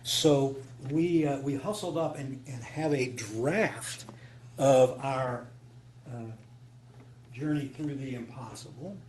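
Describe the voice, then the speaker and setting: Speaking slowly in a mid-range, slightly mellow voice, this radio drama writer delivers a casual, unscripted conference talk with a folksy feel, repeating phrases to drive points home. He addresses a small live audience in a meeting room, and the low-quality recording carries noticeable hum and noise.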